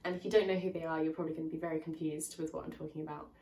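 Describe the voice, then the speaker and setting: Racing along in a low, flat, mellow voice, this woman is heard through a distant mic in a reverberant space. She hosts a book channel and is giving a casual review to camera full of spoilers, her voice a bit nasal and congested from a cold that won't quite go away. Her chatty summaries of the plot lean heavily on "um" and "kind of."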